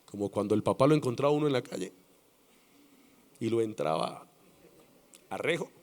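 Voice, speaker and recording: A man with a Colombian accent preaching a sermon as pastor, dramatic and swinging between loud passages and hushed ones. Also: mid-range voice, animated, normal speed.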